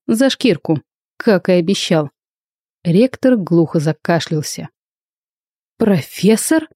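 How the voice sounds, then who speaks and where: A woman narrating an audiobook in an even, measured storytelling voice. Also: on the low side, breathy edge, dry recording, studio quality.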